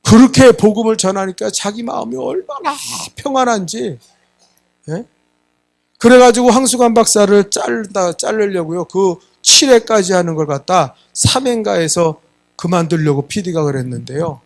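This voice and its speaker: A man's voice: sits high, normal speed, creaky. A middle-aged man preaching a Sunday sermon, emphatic, often prodding the congregation with a questioning "eh?" and acting out quoted voices. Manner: emphatic, keeps asking the congregation "예?"; acts out quoted voices in dialogue. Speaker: pastor.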